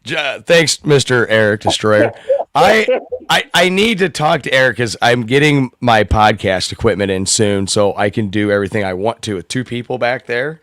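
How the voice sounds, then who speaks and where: Slightly hoarse man, lively rambling chat. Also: medium pitch, dry recording, clean studio sound. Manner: rambling, swearing, quick to laugh. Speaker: host of a live open-mic stream. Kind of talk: casual chat.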